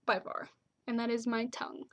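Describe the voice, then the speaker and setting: A woman's voice: on the high side, monotone, normal speed. A young woman chatting casually to her camera, with lots of "like" and "um" fillers. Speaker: vlogger.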